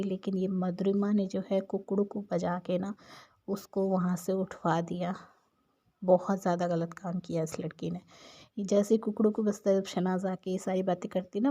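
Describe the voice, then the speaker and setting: A woman's voice: medium pitch, mellow. A woman narrating a casual, opinionated recap of a TV show episode in a chatty storytelling manner.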